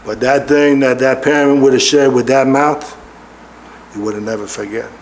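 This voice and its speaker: A man's voice: medium pitch, steady tone, moderate pace, slight background noise. A middle-aged man preaching a sermon in a church, stressing and repeating his key words. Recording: roomy echo in a large hall.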